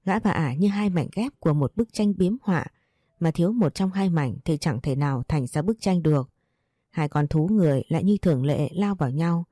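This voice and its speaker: A woman reading a melodrama story aloud, voicing every character in the same steady tone. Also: sits low, no echo, studio quality. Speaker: narrator.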